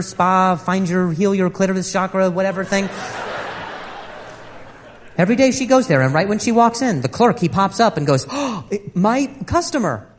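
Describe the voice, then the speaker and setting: A man's voice: high-pitched, slight background noise. Sarcastic man doing stand-up. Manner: exasperated, sarcastic storytelling. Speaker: stand-up comedian. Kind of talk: stand-up comedy routine.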